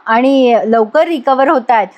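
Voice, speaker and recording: A woman's voice: high-pitched, moderate pace, darkish tone, dull audio, natural voice. A woman voicing a flustered, eager young female student in a TV serial recap. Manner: eager, fussing.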